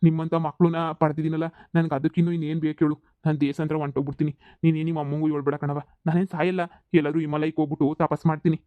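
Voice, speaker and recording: A man's voice: on the high side, level tone, very fast, hardly any pauses, dry recording, narrow, tinny audio, close to an everyday voice. A man voicing a rich middle-aged village father who pleads in an emotional rush. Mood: despairing.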